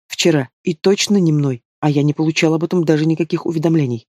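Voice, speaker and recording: Fast-reading male audiobook narrator. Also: a little high, mellow, dry recording, clean studio sound. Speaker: audiobook reader. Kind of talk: scripted first-person narration.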